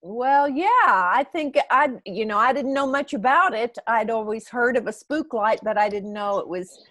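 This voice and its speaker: A woman's voice: fairly high pitch, normal speed, fairly bright tone, no echo. Woman, close and dry. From Northwest Arkansas, USA. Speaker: podcast co-host. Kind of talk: casual group chat.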